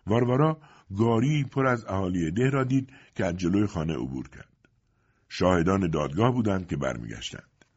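A man narrating a story in a measured, scripted audiobook style. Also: sits low, breathy edge, lo-fi sound.

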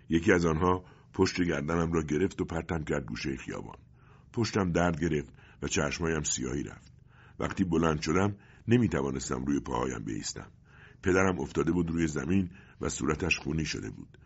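A man narrating a story in a steady, grave storytelling manner, with a muffled recording. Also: very deep voice, gravelly, slightly rough. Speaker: audiobook narrator.

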